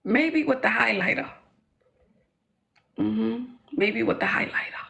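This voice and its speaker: A woman hosting a live call-in coaching show, talking in a sassy, animated, joking way. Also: on the high side, takes it slowly, gravelly. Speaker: host, life coach.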